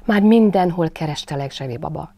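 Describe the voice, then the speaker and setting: A woman voicing a gentle, caring mother kangaroo in a storybook reading. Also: low voice, lively intonation, no room sound. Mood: tender. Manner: soft and motherly.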